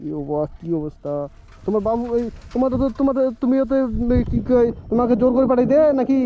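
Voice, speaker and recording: A man hosting a vlog, chatting outdoors by the road from his bike, coaxing gently and repeating himself. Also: extremely high pitch, little pitch movement, racing. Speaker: vlog host. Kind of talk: casual roadside chat. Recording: dull lo-fi audio with music behind.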